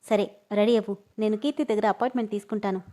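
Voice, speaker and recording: A man's voice: sits high, steady tone, mellow, natural voice. A woman voicing a fond, teasing young husband. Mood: tender. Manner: fond and teasing, speaks quickly.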